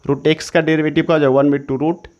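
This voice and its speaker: A man's voice: fairly high pitch, little pitch movement, fast, a little mellow, muffled recording. A man teaching an exam-prep maths lesson, repeating each step several times and correcting himself as he goes. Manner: self-correcting, says sorry mid-explanation.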